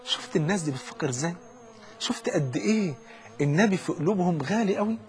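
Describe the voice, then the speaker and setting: A man's voice: sits high, lively intonation, quick pace. A man with an Egyptian Arabic accent preaching a colloquial sermon and telling stories animatedly, acting out the dialogue.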